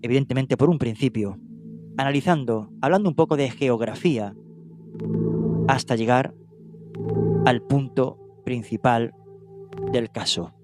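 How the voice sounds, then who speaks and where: Reading a true-crime case in documentary style, a Spanish man who isn't from Catalonia speaks in a mid-range voice that is a little slow, with long pauses. He keeps a steady delivery apart from small hesitations and self-corrections, and music runs in the background.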